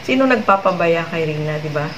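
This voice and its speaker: A woman's voice: lowish voice, expressive, a little fast, muffled recording, noisy background. A woman hosting a vlog, giving chatty commentary to her viewers and ending many remarks with tag questions. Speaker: vlog host commenting on a clip.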